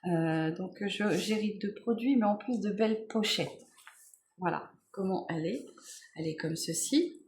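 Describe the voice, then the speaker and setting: A woman vlogger unboxes beauty products and chats casually in a relaxed way, full of fillers and self-corrections. Her voice is medium-pitched with a measured pace, and there's slight background noise.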